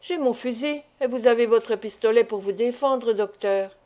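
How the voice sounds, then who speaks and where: A woman reading aloud voices a brisk, determined young male forester, speaking curtly, in an audiobook. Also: on the high side, a little mellow, natural voice. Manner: curt and determined.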